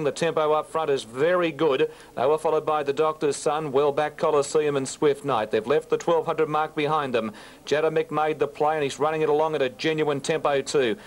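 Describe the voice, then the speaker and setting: An Australian race caller with a somewhat high male voice. He reels off the horses' names in a quick, rhythmic patter. His call stays brisk and informative. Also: rough recording. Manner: rapid, rhythmic listing of runners, rising in pitch toward the finish.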